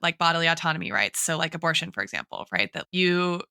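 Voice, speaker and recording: In this analytical podcast discussion, a female co-host picks apart arguments in an academic manner, often saying "like" and "right." She speaks in a low, bright, forceful voice that is very animated and quick, with a clean tone. The studio-quality recording is dry.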